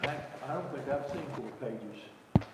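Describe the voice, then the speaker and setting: A man's voice: medium pitch, lively intonation, very noisy. Hesitant man in an echoey hall. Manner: hesitant, polite, halting restarts. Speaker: board member. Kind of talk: raising a question at a board meeting. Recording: echoey room with long reverb.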